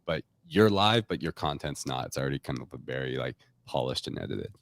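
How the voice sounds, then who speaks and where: This podcast guest, representing a tech company, has an extremely low, expressive voice with vocal fry and talks a little fast. Over a remote live stream call he chats casually about the product, hedging constantly with "like" and "kind of." There's no echo on the recording.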